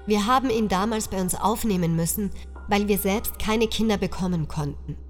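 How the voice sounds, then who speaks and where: A woman's voice: medium pitch, normal speed, long reverb tail, close to an everyday voice. A woman voicing a resentful young husband who talks in an agitated, contemptuous way, with music underneath. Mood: pleading.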